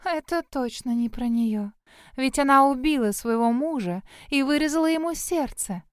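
A spiteful, gossipy spirit girl from a storybook, who lives in a well and talks high and sly, as a woman reader puts her on. She is scornful and quick to mock, recorded dry and close. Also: expressive, smooth, dry recording. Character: mocking gossipy female spirit living in a well.

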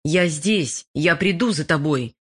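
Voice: mid-range voice, expressive, normal speed, a bit bright. A narrator voicing a determined male investigator who barks defiant answers in an audiobook. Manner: barking, defiant.

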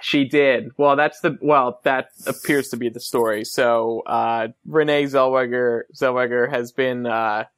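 A man's voice: medium pitch, steady tone, unhurried, hardly any pauses, fairly bright tone, clean tone, no room sound. A man hosting a call-in talk show, chatting casually in a hesitant, rambling way.

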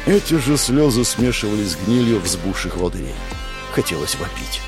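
A man narrating a fantasy audiobook with an expressive, dramatic delivery. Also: on the low side, normal speed, over music.

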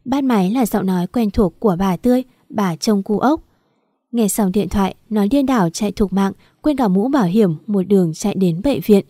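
Warm-voiced woman narrator. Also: medium pitch, normal speed, no room sound, studio quality. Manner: steady storytelling. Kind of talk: audiobook story reading.

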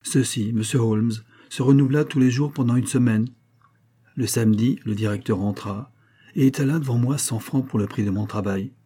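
A man's voice: mid-range voice, normal speed, mellow, husky, natural voice. A man reading an audiobook, voicing an indignant middle-aged red-haired pawnbroker telling his story. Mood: aggrieved.

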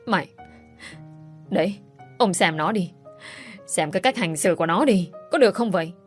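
A woman's voice: fairly low pitch, animated, normal speed, natural voice. A woman voicing a fussy middle-aged mother-in-law who scolds and exclaims, with faint music behind. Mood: scolding.

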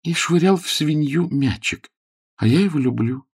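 A man reading a novel aloud, voicing an earnest young woman in love in a soft, raised girlish tone. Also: on the high side, animated, normal speed, breathy edge, dry recording, studio quality, voice pushed up. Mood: tender. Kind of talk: audiobook character voice.

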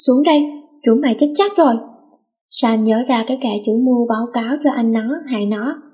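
A woman reading a fan-fiction story aloud in a steady storytelling manner. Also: a little high. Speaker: story reader.

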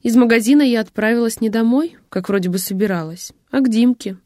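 A woman narrating a first-person novel as an audiobook, in a wry, even storytelling manner. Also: a little high, a little fast, no echo, studio quality.

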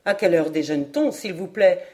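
A chatty, effusive gentleman traveler, read by a woman, who pours out words and hops from topic to topic with eager, raised energy. His voice rides a little louder than the narration around it, in an audiobook reading. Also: lowish voice, brisk, natural voice. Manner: voluble, effusive, jumps between topics. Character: talkative, excitable male foreign traveler.

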